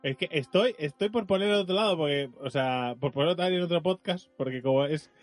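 A man's voice: on the high side, brisk, soft background music. A man from Spain, hosting a podcast in a wry, clarifying way. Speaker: podcast host. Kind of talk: casual gaming podcast chat.

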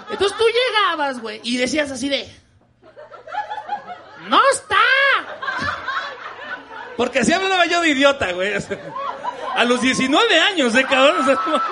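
Mexican man doing crude stand-up. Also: extremely high pitch. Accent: Mexican Spanish. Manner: crude, slangy, laughing through the story. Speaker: stand-up comedian. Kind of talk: stand-up comedy set. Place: comedy venue with a live audience. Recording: live audience laughter behind him.

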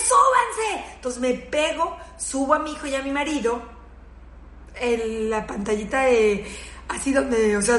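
Middle-aged woman, Mexican accent, high-pitched, animated and salty storyteller; echoey room. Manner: animated, swearing, laughs through her words. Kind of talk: comic anecdote.

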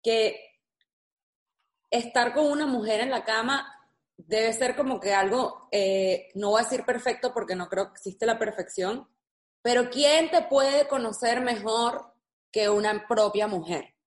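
A woman's voice: a little high, measured pace, echoey room. A woman co-hosting a talk show, giving her opinions emphatically. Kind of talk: casual chat.

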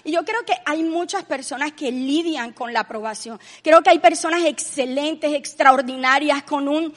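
A woman with a high, bright voice gives an earnest faith-based talk. She leans into emphatic, raised passages as she retells a story. The room adds a long reverb tail. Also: moderate pace. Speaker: co-host.

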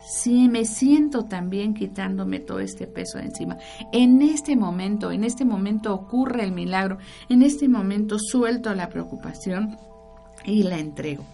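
A woman's voice: mid-range voice, big pitch swings, a little slow, gravelly, mellow, faint music behind. Woman teaching listeners on radio. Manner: instructive, addresses the listener directly. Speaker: spiritual radio talk host. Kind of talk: radio talk on prayer and angels.

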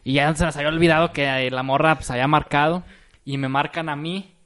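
A man's voice: a little high, fast talker. A man telling a story to friends in casual, slangy talk, acting out the other people's voices. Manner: animated, slangy, acts out the voices in his story. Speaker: podcast co-host.

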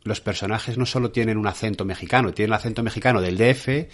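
A man's voice: on the low side, quick pace. A man with a Spain Spanish accent, a literary guest on a casual book podcast, chiming in eagerly with knowledgeable remarks.

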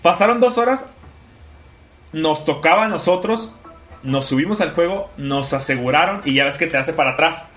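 A man's voice: on the high side, expressive, moderate pace, a bit bright, soft background music. A man telling a story in casual podcast chat, swearing freely. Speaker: podcast co-host.

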